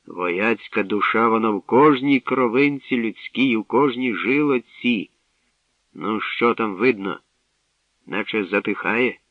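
A man reading aloud, voicing an old, wise bard who talks slowly and musingly, in a storybook tale. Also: on the low side, dry recording. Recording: tinny lo-fi radio recording, distant.

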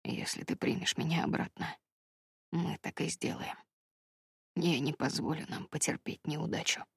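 A woman reading the part of a remorseful young fisherman in love, speaking low in a husky half-whisper. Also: steady tone, normal speed, dry recording, full character voice. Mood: devoted. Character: remorseful crab-fisherman lover, young man.

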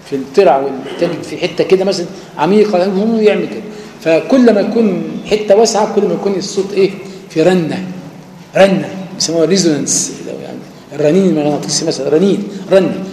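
Egyptian male teacher, higher-pitched, warm tone, casual lecture recorded in a reverberant hall. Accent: Egyptian Arabic. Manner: colloquial, explains with everyday examples and demonstrates sounds. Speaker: Quran recitation teacher. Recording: echoey hall with faint background hum.

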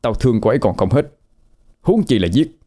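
A man's voice: mid-range voice, very animated, brisk, mellow. A man playing a cruel, mocking swindler in a spoken ghost story. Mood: sneering. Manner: sneering, threatening. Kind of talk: audio drama storytelling.

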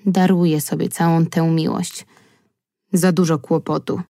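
A woman's voice: deep voice, little pitch movement, measured pace, warm tone, dry recording, studio quality. A woman voicing a drowsy, heartbroken girl of nearly fourteen who mumbles her words in an audiobook. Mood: sleepy.

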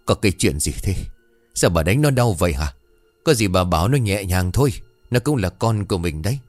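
A man's voice: low voice, lively intonation, brisk, a little mellow, dry recording, soft background music. A man playing a mild weary village husband. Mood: pleading.

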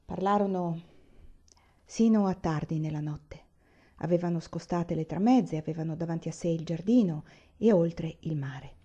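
Woman, audiobook narrator, mellow voice, calm pace, slightly muffled recording. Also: lowish voice, moderate pace, husky. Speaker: reader. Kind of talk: reading a novel aloud.

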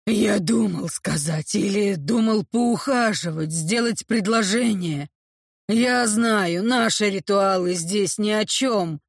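A woman voicing a young male orc, speaking low and subdued with remorse, in an audiobook reading. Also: takes it slowly, vocal fry, slightly rough, no echo, studio quality, full character voice. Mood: remorseful. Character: young male orc, gruff yet apologetic. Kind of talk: audiobook character voice.

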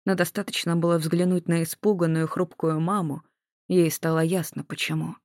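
Narrator reading a novel, steady, middle pitch, dry close sound. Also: normal speed, dry recording. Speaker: audiobook narrator. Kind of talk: scripted narration.

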